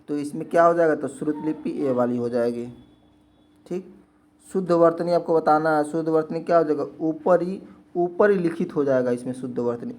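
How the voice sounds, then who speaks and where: Male teacher, slightly higher voice, repetitive Q&A explainer for exam prep. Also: darkish tone. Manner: repetitive question-and-answer explaining.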